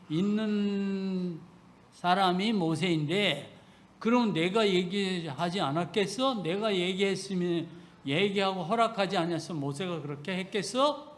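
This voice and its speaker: Stern scolding God, as a preacher voices him. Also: male voice, high voice. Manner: scolding, blunt rhetorical questions. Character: stern God rebuking his people, male, commanding. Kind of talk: sermon with voiced scripture.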